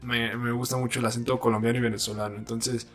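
A man with a Mexican accent hosting a casual podcast chat, relaxed and slangy, laughing easily. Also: medium pitch, fast talker, soft background music. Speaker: podcast host.

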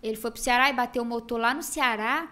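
A young woman in casual chat, telling animated stories and acting out the voices of the people in them. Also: on the high side, fast talker. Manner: animated storytelling, acts out voices of family and police. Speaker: guest storyteller.

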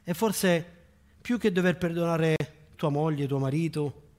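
A man preaching a sermon to a congregation, building to loud, fervent peaks and then dropping low and quiet. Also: unhurried.

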